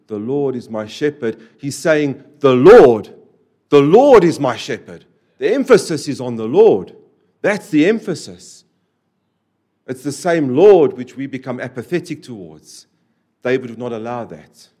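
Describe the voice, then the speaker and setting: A man preaching a sermon to a church, repeating key phrases and swinging between loud, stressed lines and quiet, dropped endings. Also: mid-range voice, lively intonation, a little slow. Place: church service.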